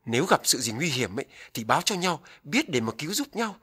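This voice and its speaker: A man's voice: a little high, sing-song, fairly quick, pushed and bright, breathy edge, exaggerated voice. A man voicing an authoritative dragon lord in a Vietnamese folktale, speaking in a firm, declarative way. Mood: firm, parting. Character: authoritative dragon lord addressing his fairy wife.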